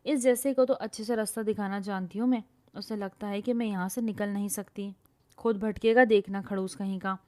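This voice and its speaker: Loud quarrelsome young heroine, read by a woman. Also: mid-range voice, steady tone, natural voice. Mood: angry. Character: bossy, boastful, hot-tempered young university woman. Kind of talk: storybook reading.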